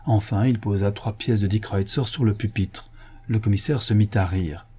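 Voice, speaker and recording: A man reading a story aloud as narrator, in a measured, expressive manner. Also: fairly low pitch, breathy edge. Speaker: audiobook reader.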